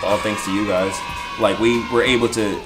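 A man's voice: fairly low pitch, steady tone, normal speed, a loud crowd. A man in his twenties chatting casually as a co-host, often repeating phrases for emphasis. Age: 20s. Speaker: co-host answering viewer questions. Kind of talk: casual group chat. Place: living room couch, indoors. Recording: roomy echo, music behind.

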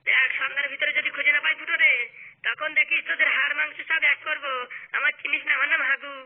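A man's voice: extremely high pitch, little pitch movement, fast talker. A man voicing a menacing, hot-tempered cartoon character who threatens suspects and comforts a worried young wife, heard through a tinny, phone-like sound. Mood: threatening. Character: menacing, hot-tempered man hunting his missing friend.

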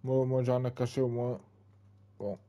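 Rambling young man, dark mellow voice. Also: medium pitch, steady tone, normal speed. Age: 20s. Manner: rambling, with many fillers and repeated tags. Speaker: gaming channel host. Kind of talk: casual gameplay commentary.

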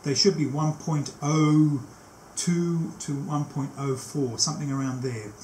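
Captured by a camera mic in a small, cluttered workshop, a technician in his sixties gives an unscripted, hands-on demonstration of a tape machine setup. His voice is steady, a little mellow and on the high side, and he explains step by step, often pausing as he works. The room echoes, with faint background noise.

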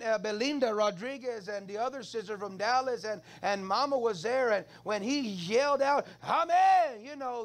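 A man preaching a Wednesday evening sermon as the pastor, calling on the church to answer and rising into loud, high exclamations. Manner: call-and-response preaching, swells into high exclamations.

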